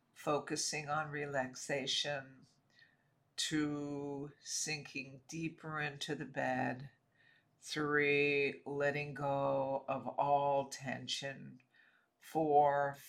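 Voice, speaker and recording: A man narrating a scripted sleep relaxation in a soothing, measured, lulling way, with short phrases and pauses. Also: medium pitch, sharp tone.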